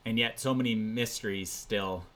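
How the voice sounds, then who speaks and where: Unhurried podcast host asking questions. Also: mid-range voice, fairly bright tone, a little hiss or hum. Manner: unhurried, hesitant questions with fillers. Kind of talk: podcast interview.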